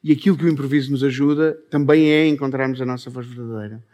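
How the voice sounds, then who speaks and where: A man with a Portuguese accent giving a talk on stage about improvisation, speaking thoughtfully with frequent pauses. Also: mid-range voice, steady tone, a little mellow, muffled recording. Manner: thoughtful, pausing often. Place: on a stage before an audience.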